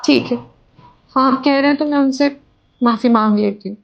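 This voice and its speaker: A woman's voice: sits high, moderate pace, gravelly. A woman playing a young bride pleading with her husband on the phone, in an amateur family drama. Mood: remorseful. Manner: pleading, aggrieved. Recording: dull lo-fi sound.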